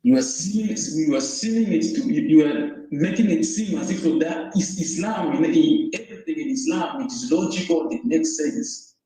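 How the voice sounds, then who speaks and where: A man's voice: on the high side, expressive, normal speed, few pauses, mellow, heavy reverb, rough recording. A man from Zambia calling in to a debate show, hesitant with stumbling restarts but turning heated and accusing. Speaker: caller. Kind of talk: argumentative phone-in debate.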